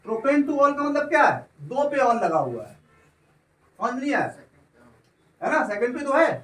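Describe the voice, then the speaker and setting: A man's voice: extremely high pitch, sing-song, measured pace. A male chemistry teacher giving a classroom lecture, drawing out words and asking again and again whether the students follow. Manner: keeps asking if students understand, draws out words. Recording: echoey room, voice from far off.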